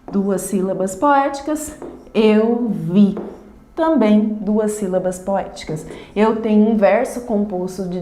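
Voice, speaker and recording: A woman teacher gives an online lesson, stretching words slowly syllable by syllable as she explains. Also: medium pitch, warm tone, reverberant.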